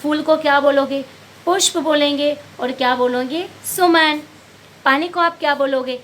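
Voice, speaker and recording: A woman's voice: sits high, steady tone, moderate pace, fairly bright tone, a little hiss or hum. A woman teacher explaining a Hindi workbook lesson to young pupils, patiently asking questions and answering them herself, calling them beta. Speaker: primary school teacher.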